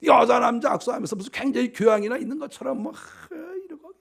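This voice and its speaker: Lively, high-voiced preaching man. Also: fast talker, gravelly, slightly rough. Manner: animated, acting out scenes and scolding the listeners. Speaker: pastor. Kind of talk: sermon.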